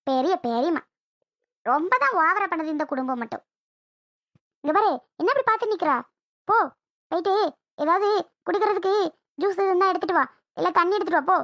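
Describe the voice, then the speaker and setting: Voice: very high-pitched, expressive, a little fast, long pauses, fairly bright tone, dry recording, studio quality, exaggerated voice. A voice actor playing a rude, bossy young bride in a cartoon, speaking with a Tirunelveli Tamil accent and taunting her family. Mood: scornful. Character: bossy new bride, sharp-tongued and rude. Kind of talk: cartoon voice acting.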